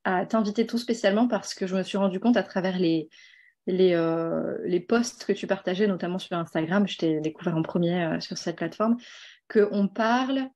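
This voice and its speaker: A woman hosts a podcast in a relaxed, sincere tone. Her voice sits a little low, and she often pauses and restarts mid-sentence while gathering her thoughts. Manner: earnest, hesitant with many fillers. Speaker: podcast host. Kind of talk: casual interview and promo.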